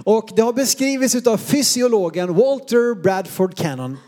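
A man's voice: high-pitched, animated, warm tone. A man in his thirties from Sweden, preaching a sermon and telling funny, self-deprecating stories from his boyhood. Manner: humorous, self-deprecating storyteller. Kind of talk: sermon with personal anecdotes.

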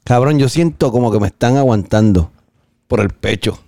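Man, young adult, mid-pitched, slangy relaxed talk, dry sound. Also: normal speed, dry recording. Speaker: podcast co-host. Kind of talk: casual storytelling chat.

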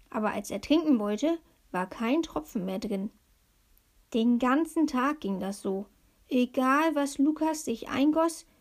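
A woman reading a children's story aloud in a calm, unhurried storytelling manner. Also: sits high. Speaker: narrator.

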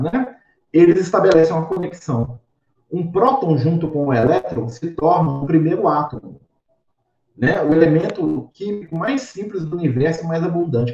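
A man's voice: fairly high pitch, a little mellow. A man leading a spiritist study group, teaching in a conversational way and checking in with frequent tag questions. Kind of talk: teaching talk. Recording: roomy, distant, dull sound.

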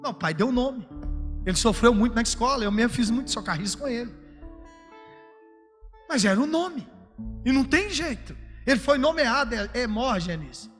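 High, bright-voiced fervent preacher man. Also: expressive, normal speed, long pauses. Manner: swings from shouted fervor to low confiding talk. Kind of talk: sermon. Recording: music under, long hall reverb.

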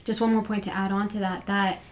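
A woman's voice: mid-range voice, flat delivery, quick pace, a little hiss or hum. A woman co-hosting a casual faith discussion podcast, heartfelt and encouraging, repeating phrases for emphasis. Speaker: podcast co-host.

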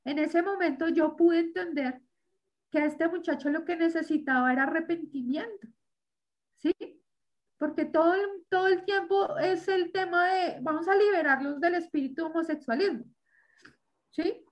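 Woman, high-pitched, religious testimony, storytelling, acts out quoted speech. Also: steady tone, measured pace. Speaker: guest sharing a testimony.

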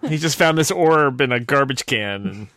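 A man's voice: mid-range voice, animated, moderate pace, a crowd in the background. A man tossing out casual, joking banter during a tabletop game.

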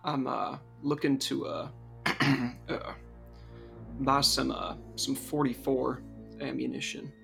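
A man's voice: mid-range voice, takes it slowly, vocal fry, sharp tone, faint music behind. A man playing a tabletop game, speaking hesitantly with many fillers. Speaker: player.

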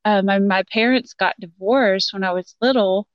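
A woman's voice: mid-range voice, moderate pace, dry recording, highs cut off. A woman with a Southern Texan accent, a guest on a podcast, chatting in an easygoing way and laughing often. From Texas. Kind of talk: casual podcast chat.

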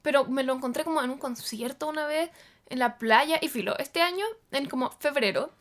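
High-voiced young Chilean woman. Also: brisk. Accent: Chilean Spanish. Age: young adult. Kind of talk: casual chat.

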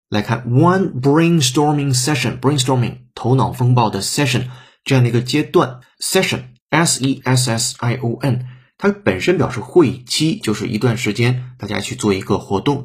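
A man with a slightly husky voice explains an English lesson at an even, steady pace. He works through each phrase piece by piece and pauses to spell words out letter by letter. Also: medium pitch. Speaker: English teacher.

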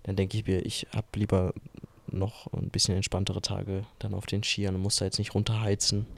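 A man's voice: low voice, flat delivery, normal speed, gravelly, no room sound. A young man co-hosting a podcast in casual chat, hesitant, often restarting his sentences. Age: young adult. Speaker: podcast co-host.

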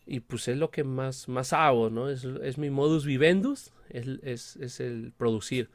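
A man with a medium-pitched voice and a Mexican accent speaks unhurriedly, with no room sound. A film producer and director, he chats casually as an interview guest, explaining things with frequent check-in tags, and a speech impediment keeps him from pronouncing the R sound properly.

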